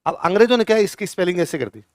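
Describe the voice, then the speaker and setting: A man's voice: high voice, expressive, rapid-fire, dry recording, clean studio sound. A male teacher giving a classroom lecture, firing questions at his students and answering them himself.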